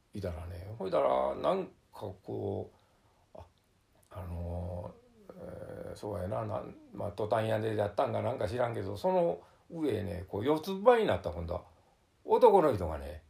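An older man with a strong Kansai Japanese accent and a deeply gravelly voice recounts his survival in an oral-history testimony. His pitch moves around a lot, and he tells the story vividly, with sound words and many fillers. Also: darkish tone. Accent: Kansai Japanese, Wakayama dialect.

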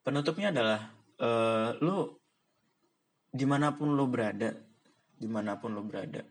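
A young man from Indonesia talks on his own in a loose, slangy way, often breaking into laughs. His voice sits at an ordinary middle pitch, and he wanders from thought to thought in a relaxed monologue. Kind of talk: casual monologue.

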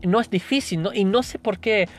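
A man's voice: high-pitched, normal speed. A man whose first language is English, speaking in a casual spoken monologue as a language learner, thinking aloud with frequent restarts and tag questions. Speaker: language learner sharing tips.

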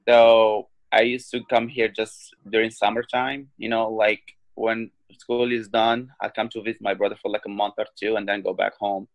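A man in his twenties from Morocco, a guest on a podcast, telling his story in a halting way with many ums and restarts. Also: fairly low pitch, flat delivery, dry recording, poor audio. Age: 20s. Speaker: guest, professional fighter. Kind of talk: casual interview talk.

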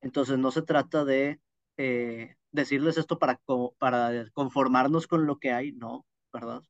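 A man's voice: medium pitch, steady tone, measured pace, dry recording, muffled recording. A man with a northern Mexican accent from Monterrey, talking as a podcast guest in an emphatic, explanatory way. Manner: naturally loud, emphatic way of talking. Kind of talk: conversational podcast interview.

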